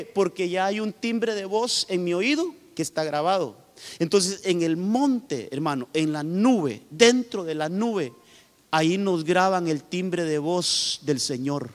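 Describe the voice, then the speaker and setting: A male pastor from Honduras preaching a sermon with emphatic delivery, often calling out to his listeners directly. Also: sits high. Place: church hall. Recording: long hall reverb.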